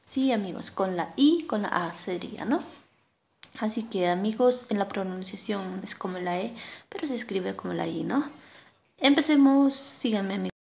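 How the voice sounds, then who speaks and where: A woman teaching a language lesson, saying each word slowly and repeating it for learners to echo. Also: medium pitch, animated, gravelly, darkish tone, breathy edge.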